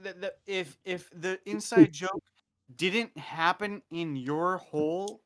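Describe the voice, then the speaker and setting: Podcast guest, male, casual storyteller, lively and crude. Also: high-pitched, slow pace. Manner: animated, profane, laughing storyteller. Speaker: podcast guest recounting field exercise.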